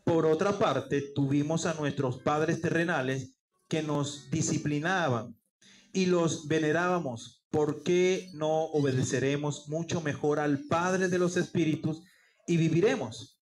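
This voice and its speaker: A man's voice: fairly high pitch, a little slow. A male pastor preaching a sermon, asking rhetorical questions and answering them himself. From Peru. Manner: rhetorical questions answered aloud, acts out quoted voices.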